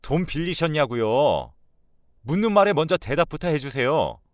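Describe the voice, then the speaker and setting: A man's voice: mid-range voice, very animated, normal speed, no echo, clean studio sound, pitched above the performer's own voice, close to an everyday voice. A man voicing a grown son who urgently presses his mother with a raised voice in a radio drama.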